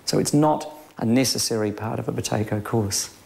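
A middle-aged man with a New Zealand accent, a breathing instructor who explains and gives brisk, instructive directions. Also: medium pitch, gravelly, a little mellow. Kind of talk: interview and instruction.

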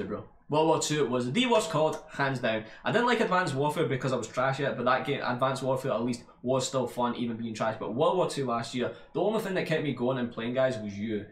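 A young man with a Scottish accent answering viewer questions in a casual gaming vlog, relaxed and rambling, full of ums and "bro". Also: mid-range voice. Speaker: YouTube gaming creator. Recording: roomy echo.

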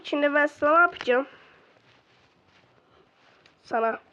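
Woman, high voice, excitable gameplay commentary, grumbles at opponents, bedroom at home, slightly muffled lo-fi sound. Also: unhurried. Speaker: gaming video creator. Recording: slightly dull lo-fi recording.

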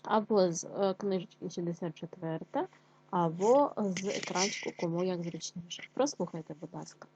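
A woman teacher leading an online reading lesson for young children, speaking clearly and repeating phrases for them to follow. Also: fairly low pitch, noisy background. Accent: Ukrainian. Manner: clear, slow syllable-by-syllable dictation for children. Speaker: primary school teacher.

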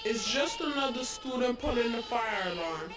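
A woman's voice: on the high side, expressive, normal speed. A woman doing a school intercom announcer. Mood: formal. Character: female school office announcer, formal and calm. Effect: heard over a school intercom. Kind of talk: formal public announcement. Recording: echoey, distant, music underneath.

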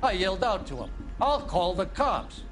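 An actor playing a grumpy, nosy, bigoted old neighbor being questioned as a witness in a detective game. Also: male voice, high voice, very animated, normal speed, over music. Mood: grumbling. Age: older. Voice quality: gruff, cantankerous.

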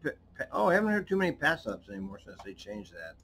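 A man's voice: medium pitch, wildly swooping pitch, quick pace, a bit bright, slight background noise. A man giving casual, sardonic running commentary as he reacts to recordings. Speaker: commentator reacting to scanner audio.

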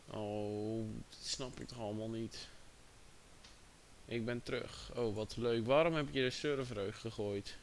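Chatting casually on his livestream, a host with a lowish voice keeps a steady, unhurried tone over slight background noise. His attention drifts as he talks to his chat and a friend.

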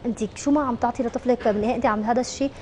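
A woman's voice: on the high side, steady tone, rapid-fire, mellow, a little hiss or hum. A woman with a Syrian Arabic accent, a psychologist guest on a morning TV show, explaining at length with frequent fillers and restarts.

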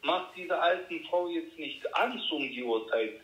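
A man's voice: fairly high pitch, animated, normal speed, a bit bright, reverberant, poor audio. A man on a call, speaking in a confrontational, slangy way. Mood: firm. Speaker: caller.

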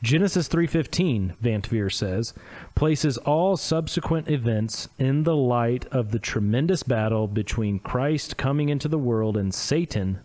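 A man's voice: medium pitch, dark tone. Co-host, male, Midwestern US accent, mid-range voice, reads quotes and adds side remarks. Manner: reads quotations aloud with small asides. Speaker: podcast co-host. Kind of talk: theology discussion podcast.

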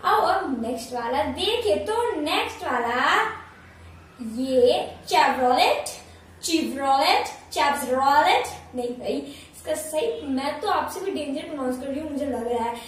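A woman teaching in a playful casual way, repeating words slowly and drawn out, recorded from far off in an echoey room. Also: high-pitched, lively intonation, slight background noise. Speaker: English teacher.

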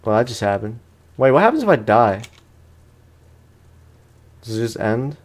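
In a mid-range, sing-song voice at a measured pace, a man delivers casual let's play commentary. This gaming host and streamer talks in slang, both to himself and to the enemy he's facing in the game.

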